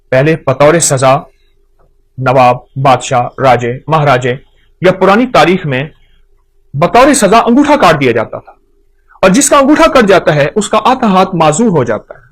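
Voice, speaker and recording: A man explains home remedies in an earnest, teaching tone. He speaks at a fairly high pitch and often repeats a phrase to drive the point home.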